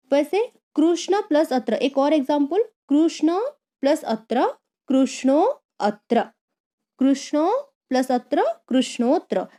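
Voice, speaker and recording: A woman's voice: sits high, mellow. A woman teaching a grammar lesson, explaining patiently, repeating key terms and asking rhetorical questions. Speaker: Sanskrit teacher.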